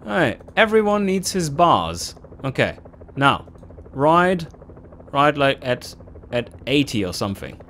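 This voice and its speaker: Animated, slow-talking gaming host, a man. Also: mid-range voice, slight background noise. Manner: animated, swears and laughs in frustration. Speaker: let's play host. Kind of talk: casual gameplay commentary.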